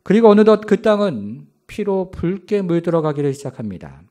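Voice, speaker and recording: Dramatic, lively-voiced man preaching. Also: sits high, normal speed. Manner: dramatic storytelling with rhetorical questions to the congregation. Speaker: pastor. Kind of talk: sermon.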